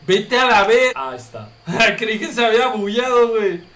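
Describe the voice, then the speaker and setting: Tipsy, rowdy streamer. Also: male voice, high-pitched, very animated, normal speed, far from the mic. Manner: crude, joking, loud outbursts. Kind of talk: casual game streaming, translating game text aloud. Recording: echoey room with background noise, off-mic.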